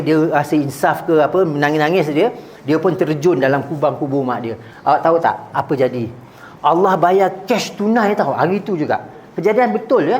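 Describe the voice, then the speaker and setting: A man giving a religious talk to young people, often stopping to ask the audience "ya?". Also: on the high side. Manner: exhorting, often asks the audience "ya?". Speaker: religious speaker. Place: Islamic hall. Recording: echoey hall with faint noise.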